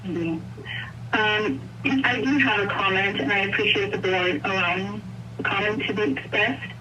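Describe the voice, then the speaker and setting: A woman's voice: medium pitch, normal speed, bright, forceful tone, recorded from a distance, highs cut off. A woman giving a polite, prepared public comment over a scratchy conference call line that keeps breaking up. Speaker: public commenter at a board meeting. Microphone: phone on a conference call.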